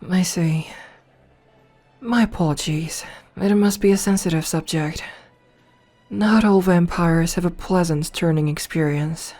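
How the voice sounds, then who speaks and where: A voice actress plays a dominant, flirtatious noble vampire princess in a soft, slow ASMR roleplay, recorded close to the mic. Her female voice sits on the low side with a musing mood, and faint music plays in the background.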